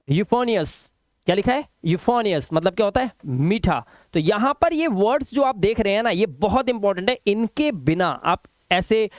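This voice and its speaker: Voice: mid-range voice, no room sound, studio quality. An English teacher giving a spoken pronunciation lesson, reading out example words, stretching the vowels and quizzing the viewers. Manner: drills words aloud and asks the class questions; stretches vowels slowly when modelling words.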